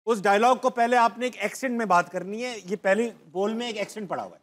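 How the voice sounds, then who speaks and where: A male comedy talk show host in a TV studio, chatty and quick to laugh, explaining a game at length. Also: high-pitched. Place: TV studio with a live audience.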